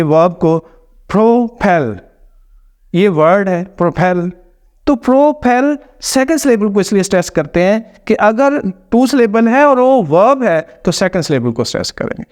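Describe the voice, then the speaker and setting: High-voiced man teaching pronunciation. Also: a little mellow. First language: Hindi or Urdu. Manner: explains step by step, demonstrating stressed words slowly. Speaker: English teacher. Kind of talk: pronunciation lesson.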